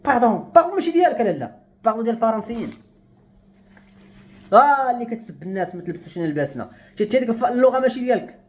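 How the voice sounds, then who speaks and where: A man's voice: extremely high pitch, animated, rapid-fire, long pauses. A young man with a Moroccan Arabic accent, speaking to camera in an agitated, despairing rant. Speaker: vlogger. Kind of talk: emotional monologue to camera.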